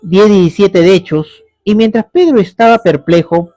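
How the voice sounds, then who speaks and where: High-voiced male pastor preaching. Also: normal speed, dark tone, no echo, soft background music. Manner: conversational preaching, rhetorical questions, tag "¿no?". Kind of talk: sermon.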